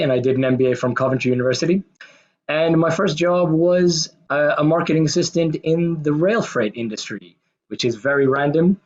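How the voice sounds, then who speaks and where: A man's voice: a little high, lo-fi sound. A man in his forties from Pakistan with an American accent, giving a conversational, self-deprecating talk about his career as a guest speaker. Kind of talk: conversational presentation.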